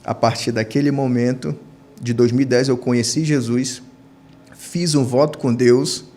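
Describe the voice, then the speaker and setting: A man in his thirties with a Brazilian Portuguese accent, a deacon telling his personal testimony on a church podcast, climbing high in pitch when he acts out his own past words. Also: a little slow. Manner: storytelling, rising to high, animated pitch when quoting himself.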